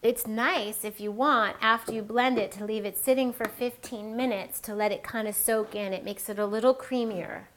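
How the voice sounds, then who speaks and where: A woman's voice: on the high side, fairly even intonation, normal speed, hardly any pauses, a bit bright, a little hiss or hum. A woman hosting a cooking demonstration, chatting and explaining each step as she works. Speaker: cooking show host. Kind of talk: casual recipe demonstration.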